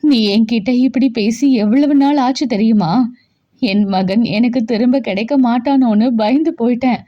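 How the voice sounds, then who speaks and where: A woman's voice: on the high side, moderate pace, warm tone, muffled recording, close to an everyday voice. A woman voicing a loving, anxious middle-aged mother who speaks fondly and with worry to her son. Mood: fond, worried. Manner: fond, worried.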